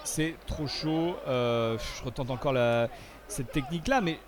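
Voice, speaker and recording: A man giving gameplay commentary as a video host, animated, often swearing and yelling in frustration. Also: medium pitch, unhurried, noisy background.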